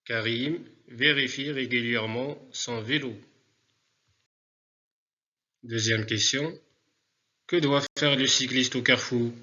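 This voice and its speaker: A man teaching a remote spelling lesson to pupils, speaking deliberately and repeating words for dictation. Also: medium pitch, fairly even intonation, pushed and bright, dull audio.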